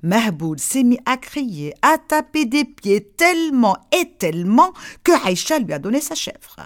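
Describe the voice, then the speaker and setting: A woman narrates a folk tale at an unhurried pace. Her fairly high voice rises and falls in a singsong way, with lively swings in pitch. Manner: slow, lilting storytelling. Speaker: storyteller.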